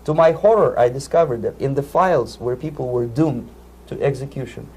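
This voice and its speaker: A man's voice: medium pitch, fairly quick, darkish tone, slight background noise. A man from the Soviet Union with a Russian accent, giving earnest, lecturing answers in an interview and often repeating words as he searches for them. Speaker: interview guest.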